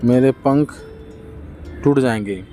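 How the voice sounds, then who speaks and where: A man's voice: medium pitch, slow pace, dark tone, faint music behind, lightly acted. A man voicing a small, pretty talking bird that pleads tearfully to be set free in a storybook tale. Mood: pleading.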